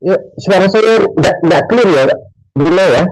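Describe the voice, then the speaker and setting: A man's voice: high voice, expressive, measured pace, no room sound, poor audio. A man asking short, plain questions as an interviewer over a video call, his voice breaking up on a bad connection. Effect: bad connection, voice cutting out.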